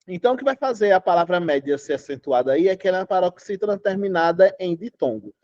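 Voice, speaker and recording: A man's voice: sits high, lively intonation, fairly quick, dark tone, muffled recording. A man teaching a Portuguese class online, chatty, quizzing students and singing out syllables. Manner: chatty, asks students questions, sings out syllables.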